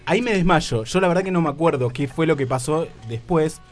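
A man's voice: a little high, brisk, soft background music. A man with an Argentine accent telling a comic story on a radio show, rambling and stammering, often restarting his words. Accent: Argentine Rioplatense. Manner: rambling, self-interrupting, nervous stammer. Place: radio studio.

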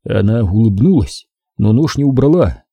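A man narrating a thriller audiobook in a measured, dramatic way. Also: lowish voice, expressive, gravelly, warm tone, breathy edge, no room sound, lo-fi sound.

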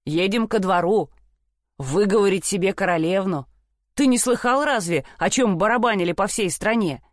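A woman's voice: mid-range voice, normal speed, no room sound, studio quality, close to an everyday voice. A woman voicing a pair of haughty, learned young brothers in a storybook reading, scornful and mocking.

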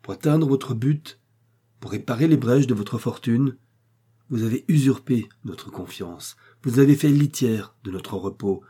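A man's voice: mid-range voice, dark tone, husky. A man reading the lines of a proud young heiress who vehemently accuses a man, with scornful fervor. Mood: accusing.

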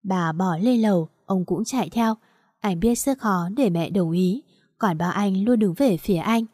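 A woman narrating a romance story in a steady, even reading voice. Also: mid-range voice, a little slow, dry recording, studio quality.

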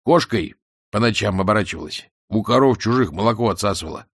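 A coarse country soldier barks orders and spins yarns in broad, folksy village speech, as a low-voiced storybook narrator plays him. The voice sits low and the recording is close and dry. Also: male voice, lively intonation, fast talker, husky, no room sound. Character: blunt rustic soldier, male, coarse and bossy.

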